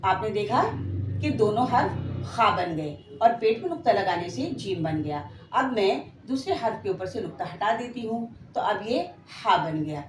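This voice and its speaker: Speaking with a Pakistani Urdu accent, this teacher leads a slow beginner lesson on reading Quranic letters, patiently drawing out every letter name for repetition. Her medium-pitched voice is expressive and moderately paced, heard in an echoey room with faint ambience and background noise.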